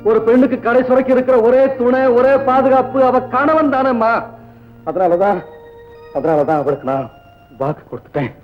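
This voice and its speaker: An actor playing an earnest, devoted adult son in an old film melodrama. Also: male voice, very high-pitched, moderate pace. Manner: earnest, pleading. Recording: dull old film soundtrack with music.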